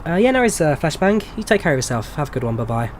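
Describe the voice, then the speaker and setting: This English man in his 20s talks very fast in a slightly high voice while running a flight sim live stream, answering chat questions in a relaxed, chatty way with lots of ums. A faint hiss or hum sits under the audio.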